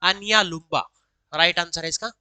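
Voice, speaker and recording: A woman teacher walks through exam answers. She reads each question in slow, careful English, then explains it briskly in Hindi. Her voice is bright and crisp, recorded close and dry. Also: lowish voice, no room sound, low-quality recording. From Haryana, India. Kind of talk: exam solution lesson, reading questions aloud then explaining.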